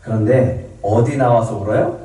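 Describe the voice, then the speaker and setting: A man's voice: fairly low pitch, moderate pace, dark tone. A male pastor giving a Sunday sermon, emphatic, repeating phrases and putting questions to the congregation. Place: church sanctuary. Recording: echoey church hall, mic at a distance.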